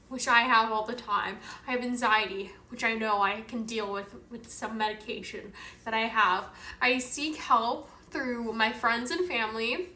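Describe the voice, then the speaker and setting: Bright-voiced chatty young woman vlogger. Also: on the high side, roomy sound. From Northern California. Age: young adult. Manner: chatty, outgoing, earnest. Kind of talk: casual talk to camera.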